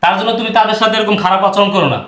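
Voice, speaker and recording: A fast-talking young husband, played by a man in a short drama, pleading and trying to calm his angry wife. His voice is fairly high, in an echoey room. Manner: pleading, placating.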